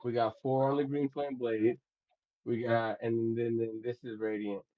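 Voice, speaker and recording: A man's voice: mid-range voice, flat delivery, measured pace. Guy on a tinny call line, mid voice, rambles through his damage rolls. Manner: rambling, restarts while counting damage. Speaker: player. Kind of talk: casual tabletop play.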